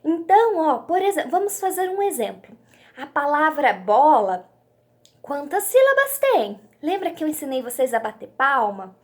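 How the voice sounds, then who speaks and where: A woman teacher giving a children's lesson, sounding out syllables slowly and warmly for young pupils. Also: sits high, sing-song.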